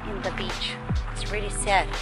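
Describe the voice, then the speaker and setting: A woman's voice: medium pitch, fairly even intonation, normal speed. A young woman talking to her camera in a casual travel vlog, cheerful and laughing often, in simple non-native phrasing, filmed outdoors and in a van. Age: young adult. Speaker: travel vlogger. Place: outdoors on a beach and coast, and inside a van. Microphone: handheld camera at arm's length. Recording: music playing over the voice.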